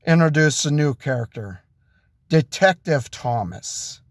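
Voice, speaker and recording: A man narrating an improvised story in a slow, unhurried way, a bit higher pitched than most men. He halts and restarts as he goes, and the sound is dry and close. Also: animated, dry recording. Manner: slow, halting delivery with restarts.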